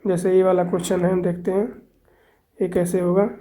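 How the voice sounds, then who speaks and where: A woman's voice: fairly low pitch, level tone, a little fast, warm tone. A woman teaching a math lesson, explaining step by step and counting aloud with frequent checks. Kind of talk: explaining on a board.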